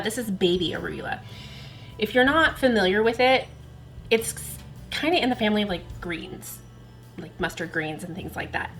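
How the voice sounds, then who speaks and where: A woman's voice: medium pitch, fairly bright tone, a little hiss or hum, rough recording. A woman hosting a home cooking demonstration in her kitchen, chatty and self-deprecating as she talks through each step while working. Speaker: cooking channel host.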